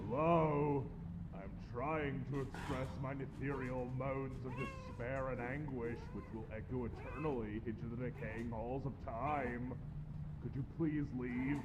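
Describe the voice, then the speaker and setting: A man's voice: high voice, lively intonation, normal speed, very noisy. Man voicing a slangy, rambling warrior prince. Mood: mournful. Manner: rambling, slangy, oddly casual. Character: gloomy then chummy male warrior prince, crude talker. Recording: music playing underneath.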